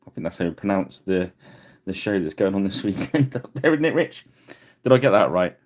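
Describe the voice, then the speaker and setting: A man with a deep, gravelly voice hosts a live miniature painting tutorial, talking fairly quickly with lively intonation. He chats casually and laughs at himself as he works.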